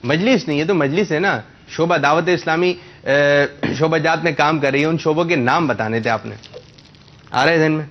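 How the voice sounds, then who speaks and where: Patient male quiz host, slightly muffled. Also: on the high side. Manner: patient, corrects and repeats answers slowly. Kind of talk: hosting a religious quiz with children.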